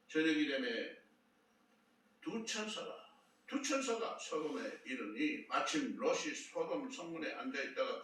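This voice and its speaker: Animated pastor preaching in an echoey hall. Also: male voice, fairly high pitch. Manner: animated storytelling, acting out dialogue. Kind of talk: sermon. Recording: echoey room, from far off, faint noise.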